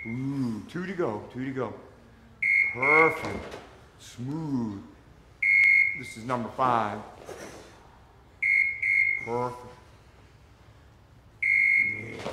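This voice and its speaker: Upbeat male fitness instructor, mid-range voice, counting reps in a loud echoey gym. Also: mid-range voice. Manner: upbeat encouraging cues, laughs often. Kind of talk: coaching a live group class. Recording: echoey gym room, loud background noise.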